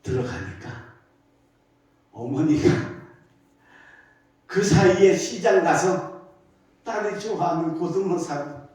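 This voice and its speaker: An older man, a pastor, telling a story in a sermon with animated, emphatic repetition, heard from afar in an echoey church sanctuary. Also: high voice, takes it slowly, long pauses, far from the mic.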